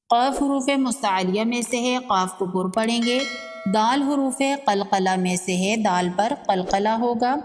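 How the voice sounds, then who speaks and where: A woman teaching Quran recitation rules step by step, explaining each rule calmly and reciting verses slowly with drawn-out sounds. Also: a little high. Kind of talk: tajweed lesson with slow recitation. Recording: long reverb.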